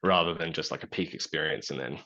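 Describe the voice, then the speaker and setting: A man in his thirties, a business founder, appears as a guest on a video call from a small plain room, thinking through ideas in a relaxed interview full of fillers and restarts. His voice is very deep yet pushed and bright, fast and fairly even in intonation, and the audio sounds dull.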